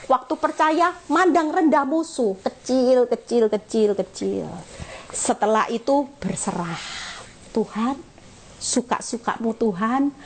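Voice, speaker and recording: A middle-aged woman evangelist preaches to her congregation over a phone live stream. Her fairly high voice stays fervent and coaxing, and she talks straight to her listeners. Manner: fervent, coaxing, acts out prayers in a high whiny voice. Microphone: phone on live social video.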